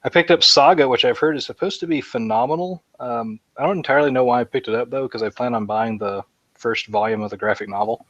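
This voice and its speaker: A man's voice: medium pitch, quick pace, fairly bright tone. Rambling man on a lo-fi podcast. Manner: rambling, enthusiastic fan talk with many fillers. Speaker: podcast co-host. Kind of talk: casual chat.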